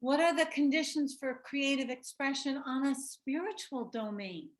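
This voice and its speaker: A woman's voice: sits high, lively intonation, moderate pace. Reflective woman leading an online workshop. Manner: reflective, storytelling, asks the group questions. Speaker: workshop presenter. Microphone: video call.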